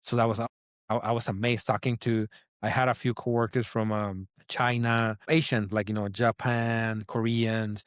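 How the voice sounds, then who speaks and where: In a studio-quality recording with no room sound, this Mexican designer guest rambles through a story for a casual interview, restarting often and leaning on fillers. Spanish is his first language, and his accent is heavy. His medium-pitched voice is flat and smooth, moving at a moderate pace.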